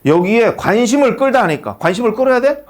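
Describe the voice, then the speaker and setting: A man's voice: very high-pitched, quick pace. A man teaching an English lesson to a class of students in a classroom, asking rhetorical questions one after another. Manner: animated, asks constant rhetorical questions. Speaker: high school English teacher.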